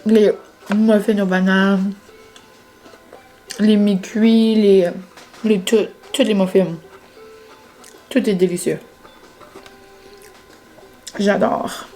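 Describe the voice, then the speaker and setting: A woman's voice: mid-range voice, steady tone, drawn-out words, long pauses, warm tone, soft background music. A young woman chatting casually to her vlog audience, with many fillers and English words. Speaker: vlogger. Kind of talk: casual vlog chat to camera.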